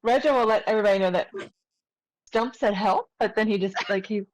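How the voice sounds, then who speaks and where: A woman's voice: medium pitch, brisk, darkish tone, poor audio. A woman chatting casually as a player in a tabletop game.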